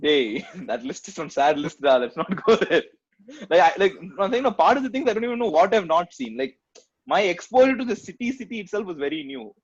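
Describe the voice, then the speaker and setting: Quick-talking young Tamil-accented man, slightly muffled. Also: high voice, big pitch swings, breathy edge. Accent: Tamil-accented Indian English. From Chennai, India. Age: 20s. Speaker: podcast host. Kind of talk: casual podcast chat.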